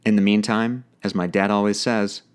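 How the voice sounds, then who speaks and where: A man's voice: lowish voice, flat delivery, moderate pace, smooth. A man narrating his podcast in a reflective, personal, plainspoken way. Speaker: podcast host.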